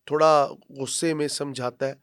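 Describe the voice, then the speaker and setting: A man interviewing a speaker, challenging his points in a calm conversational discussion. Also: a little high, smooth, no echo, clean studio sound. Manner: challenging, pushes back on points.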